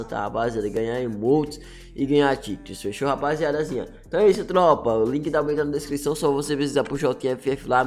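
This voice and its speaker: A man's voice: mid-range voice, darkish tone. A Brazilian man giving casual, chatty, slangy gaming news, his voice slightly choked by swollen, inflamed tonsils or throat. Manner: chatty, slangy, peppering sentences with tags. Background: music.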